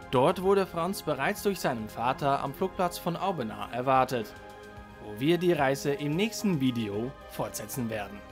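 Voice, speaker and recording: A man narrates a flying vlog from a script. His voice is slightly high, and light music plays quietly behind him. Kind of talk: scripted German-language voice-over narration.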